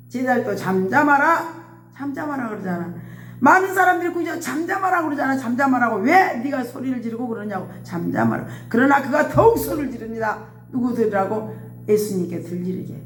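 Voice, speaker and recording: A woman's voice: fairly high pitch, reverberant, a little hiss or hum. A woman preaching a sermon with passion, repeating her phrases and crying out pleas. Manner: impassioned, repeats phrases, cries out quoted pleas.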